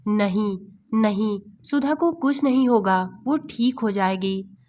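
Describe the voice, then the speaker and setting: A woman's voice: mid-range voice, slow, a little mellow, lightly acted. Woman reading as a weeping, pleading husband. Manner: tearful, pleading repetition. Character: grieving middle-aged husband, pleading.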